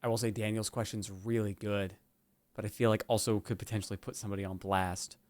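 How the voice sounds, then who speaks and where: A man's voice: on the low side, flat delivery, fairly quick, darkish tone, no echo. A man hosting a live stream, chatty and joking, swearing casually as he moves between stories. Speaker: stream host.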